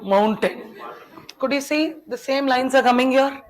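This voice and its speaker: A teacher who grew up speaking Tamil lectures her students at a measured pace, her voice sitting slightly high. She asks questions constantly and talks in a chatty, teasing way.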